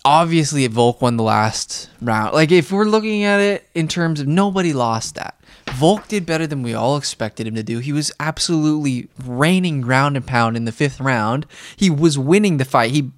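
A man's voice: fairly high pitch, animated, normal speed, no echo, studio quality. A young man hosting a podcast in casual chat, rambling and laughing often. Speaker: podcast host.

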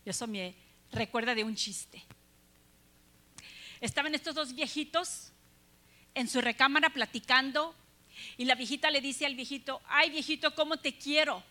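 A woman's voice: high-pitched, moderate pace, pauses often, pushed and bright. A woman preaching a sermon, earnest, asking her listeners rhetorical questions.

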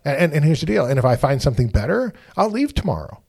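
A man in a faith-based podcast conversation. He talks in an animated, emphatic way, restarts words and keeps checking in with "right?". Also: a little high, fast, creaky, breathy edge.

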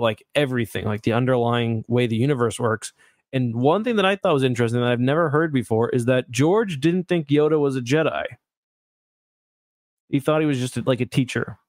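A man's voice: mid-range voice, no echo, studio quality. A man co-hosting a podcast, explaining at length in a rambling casual chat over a remote call. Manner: rambling, self-correcting explanations. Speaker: podcast co-host.

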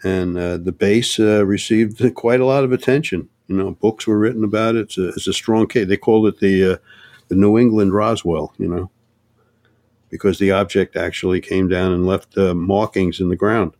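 An older man talking casually about cases on a podcast, halting with frequent restarts and fillers. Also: sits low, fairly even intonation, darkish tone, no room sound. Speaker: guest on UFO topics.

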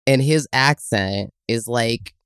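Podcast co-host, casual chatty rambler, middle pitch, dry mic. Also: slow, fairly bright tone, clean tone, dry recording. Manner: rambling, hedging with many fillers. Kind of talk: casual chat.

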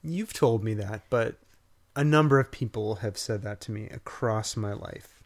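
On a podcast studio mic, a co-host chats casually, making dry jokes at his own expense. His nasal voice is lowish and gravelly, at a moderate pace.

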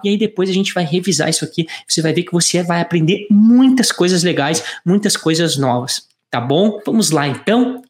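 An English teacher, giving a lesson and drawing out English phrases slowly for the listener to repeat. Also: medium pitch. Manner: slow, drawn-out English phrases for repetition. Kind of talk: online language lesson. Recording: roomy echo.

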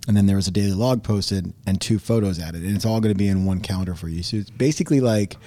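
A man's voice: sits low, quick pace, warm tone, dry recording. A man co-hosting a podcast, jokey and loose in casual chat. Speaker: podcast co-host.

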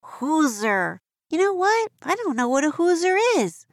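A woman voicing a perky, excitable, curious gray cat in a broad singsong children's-theatre delivery for a scripted educational kids' show. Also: high-pitched, measured pace, no room sound, clean studio sound, full character voice. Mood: cheerful, curious.

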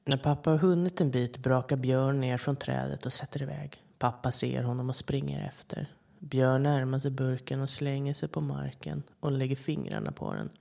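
Brief: podcast horror narrator, calm and measured, mid-pitched voice with a gravelly rasp. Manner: calm, measured storytelling with short quoted voices. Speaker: podcast storyteller.

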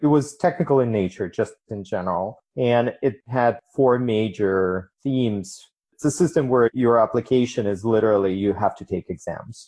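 A man from Ukraine who moved to the United States as a young adult, answering interview questions in a measured, explanatory way. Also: fairly low pitch, a little mellow. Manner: measured, explanatory, with occasional restarts. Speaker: interview guest.

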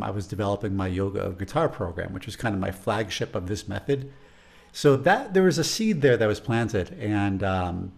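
A music teacher with a Chicago accent chats casually in an interview, thoughtful and rambling, often repeating words while he gathers his thoughts. His voice is fairly low, with vocal fry.

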